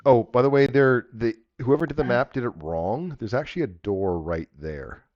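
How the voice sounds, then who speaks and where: A man's voice: medium pitch, lively intonation, moderate pace, dry recording. A man narrating and refereeing a tabletop game as game master, in a casual, joking way with some swearing. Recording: dull lo-fi audio.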